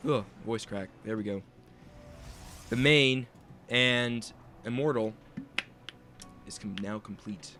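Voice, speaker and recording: A man's voice: medium pitch, slow, pauses often, over music. A young man giving play-by-play commentary on a strategy game, speculating on each move as it happens. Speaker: esports caster.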